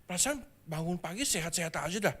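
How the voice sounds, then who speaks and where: A man's voice: high-pitched, expressive, fast talker, fairly bright tone, breathy edge, voice pushed down, heavily acted. Man voicing a puzzled, mumbling young student. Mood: confused. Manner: puzzled, muttering to himself in casual slang. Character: confused young male college student, worried about being sick. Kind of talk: acted-out sermon story.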